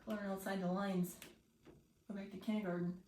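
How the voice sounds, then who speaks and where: A woman's voice: medium pitch, level tone, fast talker, a little mellow, a little hiss or hum. A woman chatting casually to herself and her cat while she paints, teasing her own work. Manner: mutters to herself and her cat, self-mocking. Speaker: hobby mural painter. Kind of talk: casual running commentary while working. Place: indoors at home by a window.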